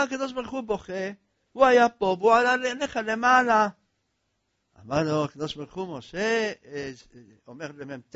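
A male preacher giving an impassioned eulogy sermon that swings between loud cries and hushed, low passages. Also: no room sound. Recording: dull lo-fi recording.

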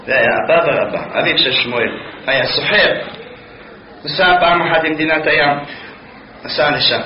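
A man who teaches through stories, telling them with lively asides and dry jokes. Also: a little high. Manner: animated storyteller with dry asides. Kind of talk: storytelling lesson. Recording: roomy, somewhat dull recording.

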